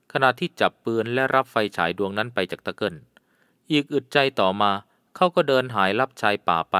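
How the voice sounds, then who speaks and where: Man reading a spooky jungle story aloud, clear crisp voice, dry close sound. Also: mid-range voice, fairly bright tone, no echo. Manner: measured, suspenseful storytelling. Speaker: audiobook narrator. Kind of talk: scripted audiobook narration.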